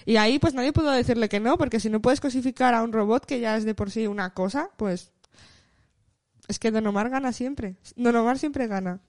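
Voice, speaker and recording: A woman co-hosting a casual comedic podcast chat, with dark, deadpan sarcasm. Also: fairly high pitch, brisk, no echo, studio quality. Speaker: podcast co-host.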